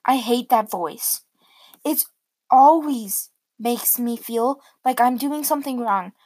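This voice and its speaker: A woman's voice: a little high, takes it slowly, a little mellow, no echo, poor audio. A woman reading aloud a first-person story with earnest, emotional narration.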